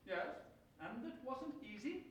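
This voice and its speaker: A gruff, evasive middle-aged father, played by a stage actor, speaks in clipped farce style. His pitch is lively and the sound is distant and very echoey. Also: a little slow. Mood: wary. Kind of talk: theatrical farce acting. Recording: echoey distant stage recording, faint noise.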